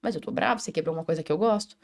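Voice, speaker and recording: A woman's voice: fairly low pitch, rapid-fire. A Brazilian woman on a panel, speaking animatedly about children and acting out little dialogues between parents and kids. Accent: Brazilian Portuguese. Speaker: child health specialist on a panel. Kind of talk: casual panel discussion.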